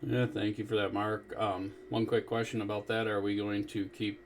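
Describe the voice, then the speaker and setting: Male net control operator, low and even, heard through a two-way radio on an amateur net. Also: normal speed. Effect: two-way radio transmission. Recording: noisy radio transmission.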